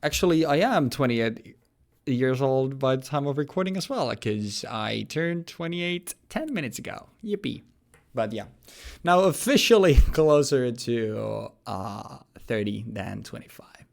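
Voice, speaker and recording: Gravelly man in his late twenties. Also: medium pitch, expressive, measured pace. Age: 20s. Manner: joking, rambling, laughs often. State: losing his voice. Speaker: host. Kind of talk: casual gaming commentary.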